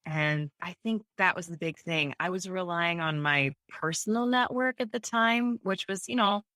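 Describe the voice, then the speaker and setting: A woman guest in an interview, telling her story in a casual, animated way, acting out what people said and laughing often. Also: fairly low pitch, moderate pace, no room sound. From United States. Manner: animated, acts out voices in anecdotes, laughs often. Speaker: guest, home bakery owner.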